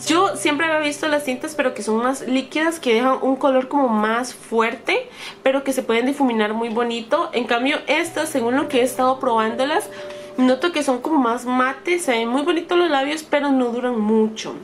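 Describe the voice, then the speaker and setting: A woman's voice: sits high, moderate pace, soft background music. A woman in her thirties chatting to her viewers while trying on makeup, often stopping to correct herself. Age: 30s. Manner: chatty, self-correcting, talks straight to viewers. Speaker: beauty vlogger. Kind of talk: casual makeup try-on chat to camera.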